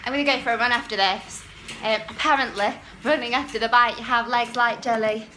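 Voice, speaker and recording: A woman's voice: fairly high pitch, fairly even intonation, fairly quick, bright, forceful tone, a little hiss or hum. A young woman, a fitness instructor, talking casually through a workout vlog, upbeat and chatty, at times out of breath.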